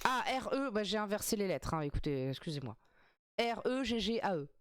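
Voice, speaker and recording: A woman's voice: medium pitch, very animated, brisk, background noise. A woman streaming live, reacting to a game show in casual chat, joking with her viewers and swearing often. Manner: chatty, swears, laughs often, jokes with chat.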